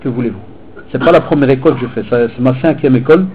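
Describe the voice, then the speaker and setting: A man, a teacher and preacher, giving an animated, informal sermon to teenagers and mixing street talk with religious phrases. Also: mid-range voice, very fast, phone-quality sound, slight background noise. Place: hall in Belgium.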